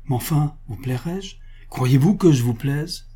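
A man's voice: mid-range voice, lively intonation, unhurried, warm tone, breathy edge. A man reading the part of an infatuated, vexed prince in an audiobook, with a plaintive, flustered delivery. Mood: pleading.

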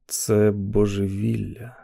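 A man reading a dramatic novel aloud as an audiobook narrator, in a gravelly voice. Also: lowish voice, little pitch movement, takes it slowly, warm tone, no echo, studio quality.

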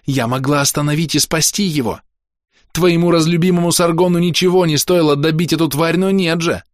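A man's voice: on the high side, steady tone, a little fast, no room sound, studio quality, voice pushed up, natural voice. A man voicing a spiteful fox-tailed young woman who snarls and sneers in a raised voice. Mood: venomous. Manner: snarling, venomous.

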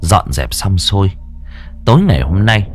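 A man's voice: deep voice, soft background music. A man narrating a horror audiobook, drawing out words to build suspense. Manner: expressive, drawn-out for suspense. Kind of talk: dramatic horror story narration.

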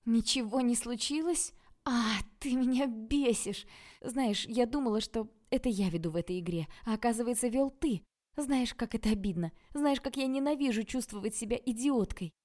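A woman reading an audiobook, voicing a hot-tempered, sharp-tongued young woman who snaps in a raised voice. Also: medium pitch, lively intonation, fairly quick, lightly acted. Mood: angry. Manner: snapping, raised voice.

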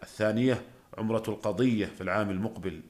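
Low-voiced man lecturing in formal standard Arabic. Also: darkish tone. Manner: measured, formal classical diction. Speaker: religious scholar presenting a radio program.

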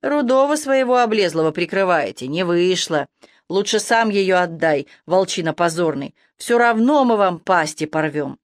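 A woman's voice: on the low side, expressive, normal speed, no echo, clean studio sound, lightly acted. Woman voicing a sneering young falcon shapeshifter. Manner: sneering, defiant. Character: insolent young male falcon shapeshifter captive.

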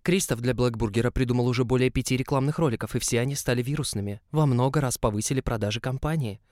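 A man's voice: medium pitch, fast talker, a little mellow, no room sound, clean studio sound, lightly acted. A man voicing a slim, timid young female coworker who speaks in a nervous, pleading way.

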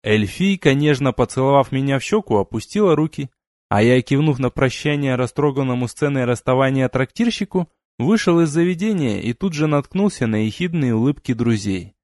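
A man reads a first-person fantasy audiobook in a steady, even way. His voice sits at a middle pitch. The home recording is close and dry, with no room sound. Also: a little fast, no echo. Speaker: audiobook narrator. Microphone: home studio mic.

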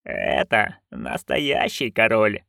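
A man voicing a stern old witch in an audiobook, talking in a quiet, clipped, dry way. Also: fairly low pitch, huge pitch swings, takes it slowly, vocal fry, no echo, exaggerated voice. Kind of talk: audiobook character voice.

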